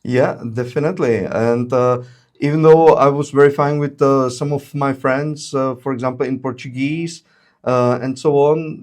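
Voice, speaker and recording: A man presents a webinar as a solution engineer, explaining product features. His mid-range voice has a darkish tone. The delivery is measured and explanatory, with frequent "uh" fillers.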